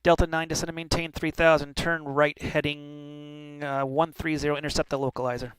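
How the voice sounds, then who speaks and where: A man's voice: fairly high pitch, little pitch movement, a little fast, fairly bright tone. A man working as an air traffic controller, giving clipped formal instructions with occasional informal asides. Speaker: air traffic controller in online flight simulation.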